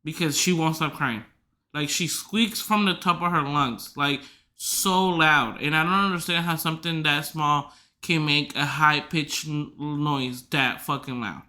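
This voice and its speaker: A woman's voice: sits low, measured pace, bright, forceful tone. A young woman hosting a podcast in casual chat, rambling with lots of fillers and small laughs. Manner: rambling, filler-heavy, giggly asides. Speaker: podcast host.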